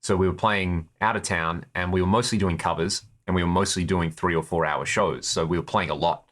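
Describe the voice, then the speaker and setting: Here a guitarist from Perth, Australia, who plays in a touring band, chats as an interview guest about things he has experienced. He has a deep, fairly bright voice with a steady tone, an Australian accent, and talks a little fast.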